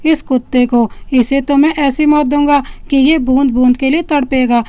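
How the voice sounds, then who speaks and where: A woman's voice: high-pitched, fairly even intonation, moderate pace, no room sound, close to an everyday voice. A woman voicing a fierce, feared young hero. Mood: furious. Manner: pained and angry, then gentle. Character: feared young man, fierce but tender with his love.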